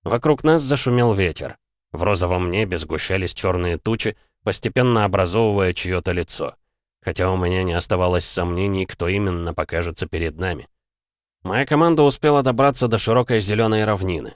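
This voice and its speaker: A male audiobook narrator with a very low voice, reading a novel in first person at a measured, steady pace. The sound is dry and close, with no room around him. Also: dry recording.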